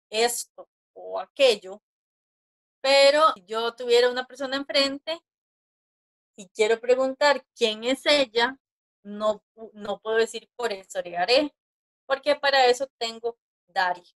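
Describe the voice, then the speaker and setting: A Japanese teacher runs an online class over a video call, patiently counting strokes aloud and frequently checking in with her listeners. Her voice is on the high side with a fairly bright tone.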